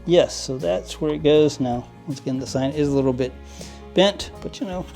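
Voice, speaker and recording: A fairly high-pitched, gravelly yet mellow male voice speaks at normal speed over soft background music. This model train hobbyist channel host casually narrates cleaning model trains at his work table, his how-to rambling with plenty of fillers, restarts, and frequent chuckling.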